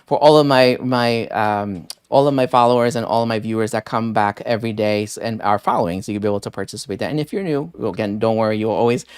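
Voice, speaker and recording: Smooth-voiced man hosting a livestream. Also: fairly low pitch, quick pace, few pauses, no echo, studio quality. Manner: chatty and rambling, with many fillers and restarts, thanking viewers by name. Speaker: livestream deals host. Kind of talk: casual live-stream chat.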